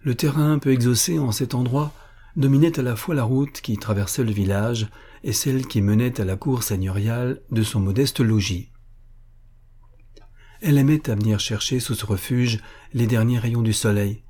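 A man reading a classic novel aloud as an audiobook narrator, steady and measured. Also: mid-range voice, breathy edge.

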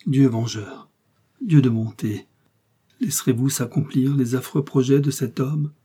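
A man's voice: medium pitch, moderate pace, mellow, husky, close to an everyday voice. A man reading aloud and voicing a scheming young woman prisoner who pleads with feigned, tearful piety. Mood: pleading prayer. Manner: pleading, tearful, falsely sweet.

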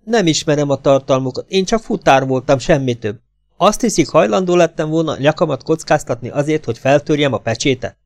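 A fussy, self-important Russian violinist, as an audiobook narrator puts him on, his voice leaping up high whenever he begs or protests. Each line comes out loud and indignant. The sound is dry and close, with no room around it. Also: expressive, no echo, faint music behind. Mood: defensive. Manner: high-pitched, pleading and indignant. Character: excitable vain middle-aged male Russian violinist.

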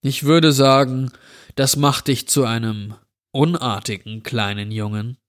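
A drawling, menacing stranger, put on by a male reader in a horror story reading. He talks very slowly and mockingly, like someone savoring every threat. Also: mid-range voice, steady tone, close to an everyday voice. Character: sinister drawling man, dirty, menacing wish-granter.

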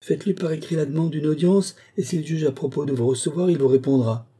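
A man's voice: fairly high pitch, fast, warm tone, breathy edge, voice pushed up. A man reading an audiobook voices a scolding, disdainful woman who keeps house for a priest. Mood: haughty.

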